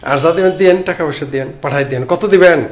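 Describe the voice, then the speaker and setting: A live-stream political commentator, a man in his late fifties with a Bangladeshi accent, talks quickly in a fairly high voice into a phone held at arm's length. He responds to comments sarcastically, rambling and repeating phrases, and the recording is clearly noisy.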